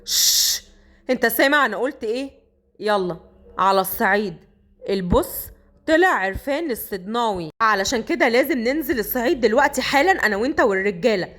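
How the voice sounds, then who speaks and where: A woman voicing a tough, hot-tempered young man from Upper Egypt with an Egyptian accent, speaking in a lowered, commanding voice. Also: expressive, quick pace, fairly bright tone. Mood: angry.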